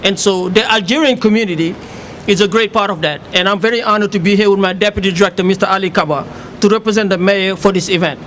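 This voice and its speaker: A man from Senegal, giving formal remarks as a city office director, halting with many fillers. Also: high-pitched, fairly bright tone, a little hiss or hum.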